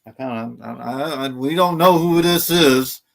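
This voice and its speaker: A man's voice: mid-range voice, moderate pace, vocal fry. A man hosting a casual livestream chat, teasing his co-hosts with mock indignation. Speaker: show host.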